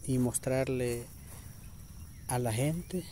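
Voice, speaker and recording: Slow-talking man vlogging outdoors. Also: mid-range voice, mellow. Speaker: vlog host. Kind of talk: casual outdoor vlog narration. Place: open grassy hillside, outdoors. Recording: noisy handheld outdoor recording.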